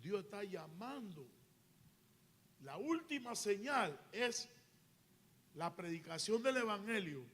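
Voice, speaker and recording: A man with a strikingly high voice preaches to his congregation as their pastor. His delivery swells from steady teaching to loud, urgent exhortation. The setting is a church sermon. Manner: preaching with rising, shouted intensity. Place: church sanctuary.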